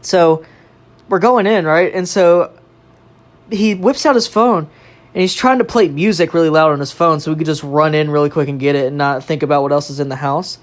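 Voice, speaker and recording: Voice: mid-range voice, fairly quick. Young adult swearing through a spooky story. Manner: animated, swears freely, laughs while telling. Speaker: podcast storyteller. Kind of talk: casual chat, telling a ghost story.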